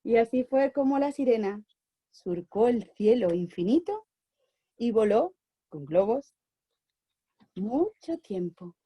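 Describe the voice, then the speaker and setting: Lively Spanish woman telling a children's tale. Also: on the high side, slow, long pauses, breathy edge, dry recording. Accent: Spain. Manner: animated, shifting from bright to hushed. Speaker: oral storyteller and educator. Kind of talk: expressive storytelling for children.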